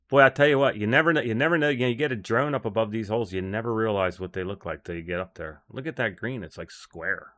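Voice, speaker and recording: A man's voice: fairly low pitch, a bit bright. Blunt rambling golf coach, man. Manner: blunt, rambling, scornful storytelling with laughs. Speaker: golf instructor and livestream host. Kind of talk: casual livestream chat.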